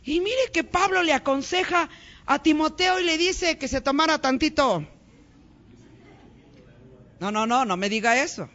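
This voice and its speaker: A woman preaching a fervent sermon, calling out to her congregation and rising to shouts. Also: high voice, unhurried, long pauses, highs cut off.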